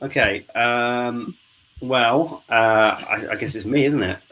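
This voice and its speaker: A man's voice: medium pitch, slow, bright, forceful tone, low-quality recording. Male host, jokey, chatty, on a video call. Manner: joking, chatty, teasing the guests. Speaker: host of a charity live stream. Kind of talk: casual group chat.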